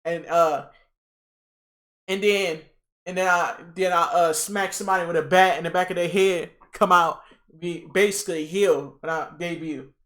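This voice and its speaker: A young man hosting a casual livestream reaction, excitable and rambling, repeating himself and talking to his chat. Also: high-pitched, normal speed. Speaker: livestream host.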